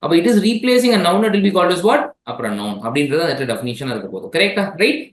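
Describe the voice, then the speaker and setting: A man with a Tamil accent teaches an exam-prep grammar class in a slightly higher voice. He keeps checking in with his listeners as he explains. The room is echoey. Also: big pitch swings, moderate pace, slight background noise. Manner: mixes languages, checks in with "right?".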